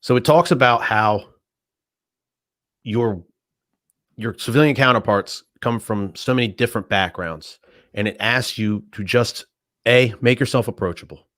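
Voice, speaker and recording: A man's voice: medium pitch, measured pace, pauses often, a bit bright, no echo, clean studio sound. A man who is a military veteran co-hosting a podcast, talking casually and acting out quoted remarks with animation.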